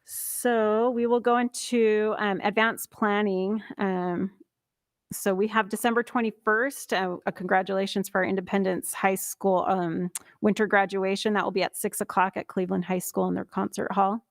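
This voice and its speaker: A woman's voice: medium pitch, fairly even intonation, normal speed, dry recording. Woman chairing a meeting, dry close sound. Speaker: school board president chairing. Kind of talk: informal meeting chairing, reading out announcements. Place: school board meeting room.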